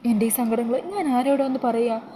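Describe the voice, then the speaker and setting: A woman's voice: fairly high pitch, steady tone, fairly quick, dark tone, slight background noise, close to an everyday voice. A woman voicing a heartbroken young woman who pleads through tears. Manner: sobbing, pleading questions.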